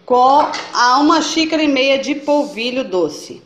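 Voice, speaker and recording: A cooking channel host walks through a recipe one step at a time, chatting and regularly checking in with her audience. She speaks unhurriedly in a high, expressive, fairly bright voice, recorded in an echoey home kitchen with faint noise.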